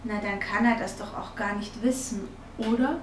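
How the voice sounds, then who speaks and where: A woman voicing a gentle mother who coaxes her child softly and carefully, in an echoey room from a distance. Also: mid-range voice, steady tone, moderate pace, noisy background, close to an everyday voice. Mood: coaxing. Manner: soft, careful, reassuring.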